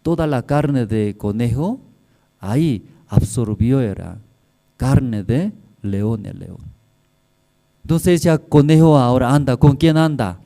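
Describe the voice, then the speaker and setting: Slow, mellow-voiced pastor preaching. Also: male voice, mid-range voice, vocal fry. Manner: constant tag questions to the congregation; simple, broken phrasing. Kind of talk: sermon.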